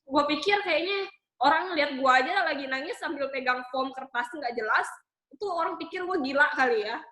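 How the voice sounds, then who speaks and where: A woman in her twenties from Bangka tells her own story in a high voice. She speaks with emotion and often stops on fillers. The room around her has a noticeable echo. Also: sharp tone. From Bangka, Indonesia. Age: 20s. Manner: emotional, halting with many fillers. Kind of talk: personal testimony talk.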